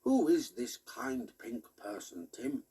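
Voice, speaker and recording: A man voicing a gentle, polite old teddy bear in a deep growly voice, reading a storybook. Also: big pitch swings, slow pace, slightly rough, recorded from a distance, exaggerated voice. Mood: grateful. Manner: polite, courtly.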